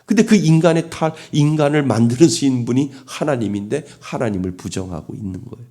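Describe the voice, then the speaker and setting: A man's voice: medium pitch, expressive, brisk, dark tone. A middle-aged man preaching a sermon as pastor, asking the congregation rhetorical questions.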